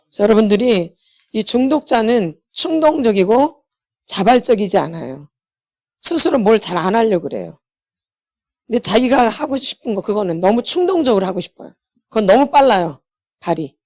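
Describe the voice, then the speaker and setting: A middle-aged woman preaching with blunt emphasis. Her voice sits in an ordinary middle range for a woman. She fires short questions at her listeners and answers them herself, circling back to the same point again and again. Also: mid-range voice. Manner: blunt and self-deprecating. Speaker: pastor's wife and healing ministry lecturer. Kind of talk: sermon.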